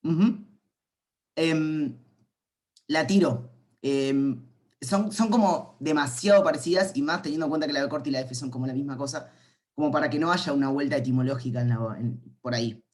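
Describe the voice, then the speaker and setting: A man's voice: on the high side, moderate pace, a little mellow. A man, a university calculus lecturer giving an informal online class, playful and rambling as he thinks aloud.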